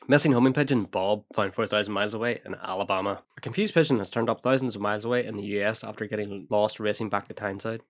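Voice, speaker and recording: A man with a fairly low voice rattles through a news story at a quick clip. His tone stays dry and a little sarcastic, like a podcast co-host. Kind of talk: casual news chat.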